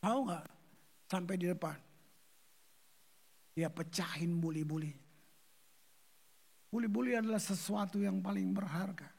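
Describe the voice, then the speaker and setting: A male pastor preaching a sermon in slangy, animated storytelling, acting out the people in his stories. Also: high voice, unhurried, creaky, long pauses, husky.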